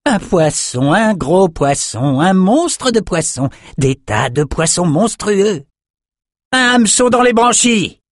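A man voicing a squeaky, excitable runt of a male shaman who yelps with childlike glee. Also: slow, hardly any pauses, no echo, clean studio sound, heavily acted. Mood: gleeful. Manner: high yelping, childlike glee.

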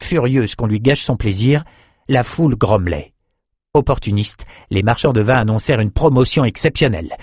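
A man narrates an audiobook at a steady, measured pace, with a mid-pitched voice. The recording is close and dry, with no room sound. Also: husky, no room sound.

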